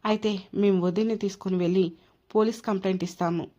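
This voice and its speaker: A woman's voice: mid-range voice, fairly even intonation, fast talker, warm tone, close to an everyday voice. A woman voicing a young sister who confronts her brother sharply. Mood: challenging. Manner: confronting, challenging. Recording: dull lo-fi recording.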